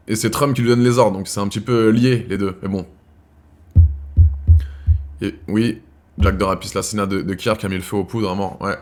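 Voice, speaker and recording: Hosting a live chat show from France, a man with a lowish, darkish voice talks to his viewers casually and in slang. He calls them brothers and keeps restarting sentences as he rambles.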